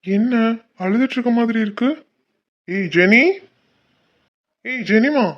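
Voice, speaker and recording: A man's voice: very high-pitched, slow, a bit bright, heavily acted. A man voicing a caring older brother in a cartoon, coaxing and reassuring his sister. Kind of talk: cartoon voice acting. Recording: dull lo-fi audio.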